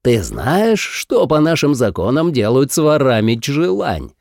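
A man voicing a contemptuous, haughty elder male clan head in a slow, sneering, gravelly delivery. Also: medium pitch, big pitch swings, a little mellow, no room sound, studio quality.

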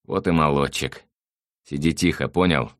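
A man's voice: extremely low pitch, moderate pace, fairly bright tone, dry recording, clean studio sound. A man reading an audiobook, voicing a coarse, bossy male thug who swears and barks orders. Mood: barking orders.

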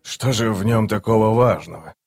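A man's voice: on the low side, normal speed, creaky, darkish tone, soft background music. A man reading an audiobook, voicing a weathered army sergeant who asks short, wary questions. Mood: questioning. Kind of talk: audiobook character voice.

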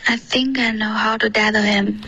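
A woman's voice: mid-range voice, fairly even intonation, normal speed, sharp tone, slightly rough, no room sound, dull audio. A woman student reading short English practice sentences aloud.

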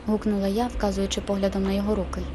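A woman narrating a novel in the first person with a steady, measured reading. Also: medium pitch, background noise. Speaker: audiobook narrator.

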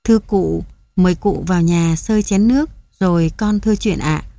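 A man's voice: high voice, normal speed, creaky, warm tone, dry recording. A woman reading the part of a poor father in debt, pleading and deferential.

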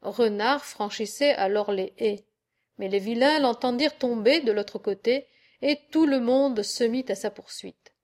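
A woman narrating a medieval fable as an audiobook, reading slowly and expressively. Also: on the high side, a little mellow. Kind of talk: storybook narration.

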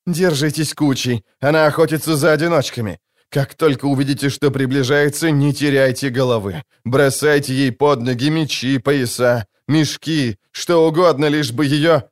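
A man voicing a desperate, bossy male mercenary leader who barks orders and yells at his men. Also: mid-range voice, steady tone, moderate pace, few pauses, natural voice. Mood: urgent. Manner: barking orders, yelling.

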